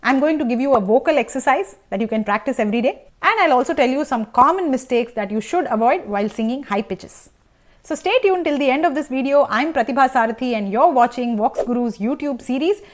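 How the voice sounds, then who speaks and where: A woman's voice: high voice, expressive, a little fast. A woman teaching a vocal lesson who explains patiently and often checks in with "okay?" and "right?". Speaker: singing teacher. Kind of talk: vocal lesson with sung demonstrations.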